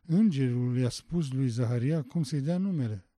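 A man preaching a sermon, emphatic, asking rhetorical questions and rising to loud passionate stress. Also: medium pitch, lively intonation, no echo.

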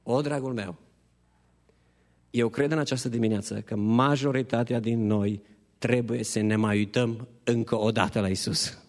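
A man preaching an Easter sermon as a pastor, passionate, shifting between hushed appeals and high pleading. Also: fairly even intonation. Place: church hall. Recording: long church hall reverb.

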